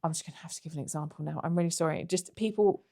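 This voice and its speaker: A woman's voice: low-pitched, racing, dark tone. A woman, co-hosting a podcast in a blunt, ranting, laughing manner. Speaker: podcast co-host. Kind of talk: casual podcast chat.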